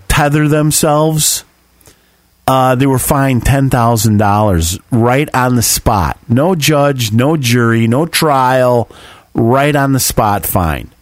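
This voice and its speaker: A man's voice: medium pitch, no room sound. A man co-hosting a podcast, ranting in casual chat with lots of swearing and acted-out quotes. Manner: ranting, profane, acts out quoted voices. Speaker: podcast co-host.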